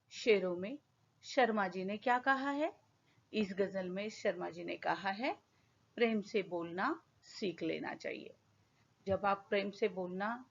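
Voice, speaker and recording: Casting: woman schoolteacher, slow patient explainer, muffled lo-fi sound. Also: medium pitch. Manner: slow, patient classroom explaining with questions to pupils. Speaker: school teacher. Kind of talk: Hindi lesson explaining a poem. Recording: dull lo-fi recording.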